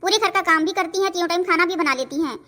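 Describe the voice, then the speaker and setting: A woman's voice: extremely high pitch, rapid-fire, bright, forceful tone. A woman voicing a polite young newlywed daughter-in-law in a cartoon. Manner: polite, eager. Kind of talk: cartoon voice acting.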